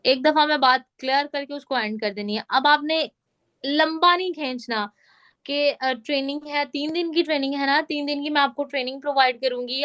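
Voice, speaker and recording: A woman's voice: high-pitched, a bit bright, smooth. A woman running an online sales training, explaining step by step and often checking that everyone follows. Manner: instructive, repeats check questions. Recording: call audio.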